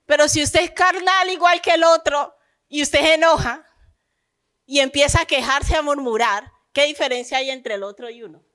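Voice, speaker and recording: A woman pastor delivers a lively sermon in a high, bright voice. She throws questions at the congregation and acts out the grumbling of believers. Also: moderate pace.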